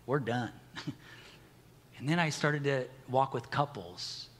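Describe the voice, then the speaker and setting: A man's voice: mid-range voice, lively intonation, slow, fairly bright tone, long reverb tail. A middle-aged man preaching a sermon as pastor, candid and conversational, with self-deprecating humor.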